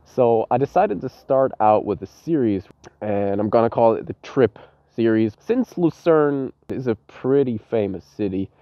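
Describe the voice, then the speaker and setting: A man's voice: mid-range voice, expressive, unhurried, dry recording, highs cut off. A man who is sick with a cold giving a casual, informal vlog introduction on a city street. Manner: informal, sweary. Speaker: motovlogger. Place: outdoors on a city street beside a parked motorcycle.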